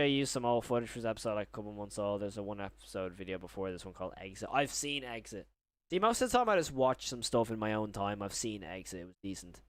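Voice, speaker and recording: Reacting to clips and viewer messages during a live stream, a young man talks loosely, wandering and reworking his sentences as he goes. The voice is lowish and smooth, without echo.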